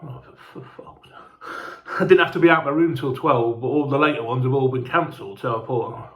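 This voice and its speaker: A man's voice: mid-range voice, fast talker, fairly bright tone, reverberant. A man telling a casual, rambling travel story, sweary and chatty, sounding hungover and unwell. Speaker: fan vlogger.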